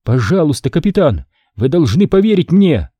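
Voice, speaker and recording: A man voicing a tense woman navigator on the edge of losing control, talking urgently and sometimes shouting. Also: fairly high pitch, sing-song, moderate pace, husky, dry recording, pitched above the performer's own voice. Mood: pleading. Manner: urgent, strained, at times shouting. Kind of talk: audiobook character reading.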